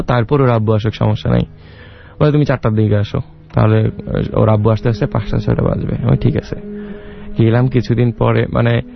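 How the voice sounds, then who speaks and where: A man's voice: medium pitch, gravelly, muffled recording. A young man telling a long personal story in a rambling way, acting out the dialogue as he goes. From Bangladesh. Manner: rambling, with many restarts and quoted dialogue.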